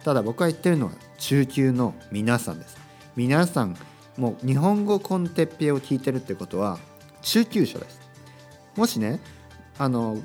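A man's voice: mid-range voice, darkish tone. A man hosting a casual solo podcast for learners. He thinks aloud and tags his sentences with little asides. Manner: thinks aloud, adds frequent tag words to sentences; acts out short sample dialogues in a livelier voice. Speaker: podcast host for Japanese learners.

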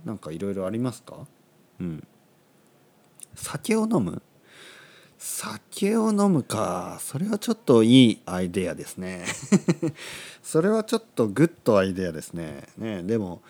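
A man talks into a studio microphone, keeping his voice low and gentle because his throat is sore. His pitch rises and falls a lot as he goes. He speaks slowly and simply for learners, often adding "ne" and repeating phrases. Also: husky. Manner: speaks softly, frequent "ne" tags, repeats phrases. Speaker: podcast host for Japanese learners. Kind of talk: slow, simple podcast talk for learners. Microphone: studio microphone, seated.

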